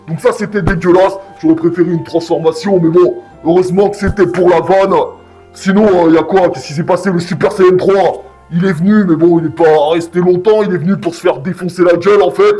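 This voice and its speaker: High-voiced man in a blunt, slangy rant. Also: dark tone. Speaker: YouTube anime reviewer. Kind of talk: casual review commentary rant.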